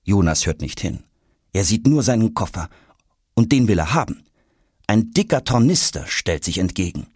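A man narrating a children's audiobook in a lively, expressive way. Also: fairly low pitch, normal speed, husky, no room sound, studio quality.

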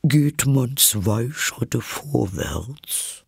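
A man voicing the Mock Turtle, a weepy, sorrowful sea creature from a storybook, in a breathy half-whisper. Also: mid-range voice, animated, drawn-out words, dry recording, studio quality, pitched above the performer's own voice, exaggerated voice. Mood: eager.

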